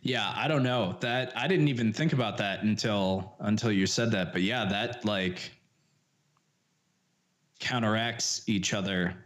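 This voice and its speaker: A man's voice: on the low side, measured pace, fairly bright tone. A man co-hosting a casual gaming podcast, often restarting sentences and agreeing emphatically.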